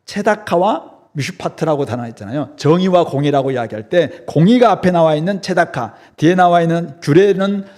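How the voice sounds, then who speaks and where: A man preaches a sermon from the pulpit, his voice sitting high and swinging widely in pitch. He explains scripture with emphasis and keeps putting rhetorical questions to the congregation. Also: lively intonation, a little fast, few pauses, a little mellow. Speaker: pastor. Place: church sanctuary.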